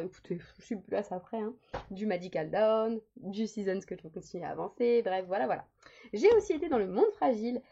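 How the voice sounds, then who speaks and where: A woman's voice: mid-range voice, warm tone, a little hiss or hum. A woman in her thirties chatting casually as a coloring vlogger, rambling with many fillers and restarts. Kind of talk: casual chat. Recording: dull lo-fi sound.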